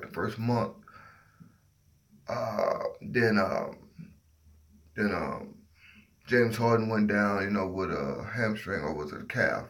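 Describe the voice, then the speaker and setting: A man's voice: lowish voice, a bit bright. A sleepy man hosting a casual sports livestream, giving his opinions while half asleep and groping for words as his train of thought drifts. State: sleepy, half asleep after working all night.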